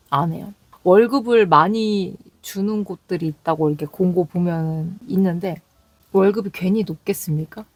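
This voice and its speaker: Her voice is mid-range, a bit mellow and husky, with no echo: a young call center agent with a Seoul Korean accent, candidly recounting work stories in a chatty casual vlog and quoting her callers.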